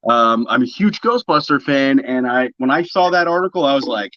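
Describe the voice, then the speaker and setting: A man's voice: medium pitch, expressive, moderate pace, sharp tone, no room sound. A man speaking as a podcast guest in a casual, conversational interview style. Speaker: podcast guest, psychic medium. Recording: slightly dull, lo-fi audio.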